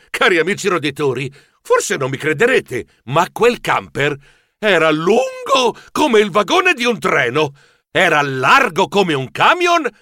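A high, bright-toned man narrating a children's tale with wildly swinging intonation and lively exclamations. The recording is close and dry. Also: no echo. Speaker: audiobook narrator. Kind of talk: animated children's story narration.

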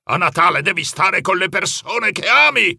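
A man voicing a stern old grandfather mouse who scolds in a booming, raspy voice. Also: animated, normal speed, sharp tone, no echo, studio quality, exaggerated voice. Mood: scolding. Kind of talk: audiobook character voice.

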